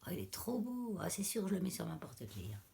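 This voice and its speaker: A woman chatting casually as she unboxes craft mail. She is losing her voice, exclaims softly and often drops to a whisper. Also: on the low side, very animated, fast, gravelly. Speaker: crafting vlogger.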